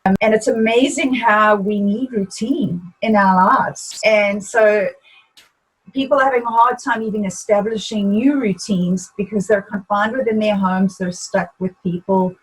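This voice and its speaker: A woman hosting a conversational interview, speaking in a halting way with frequent pauses and fillers. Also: mid-range voice, steady tone, slightly rough, poor audio. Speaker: host. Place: video call.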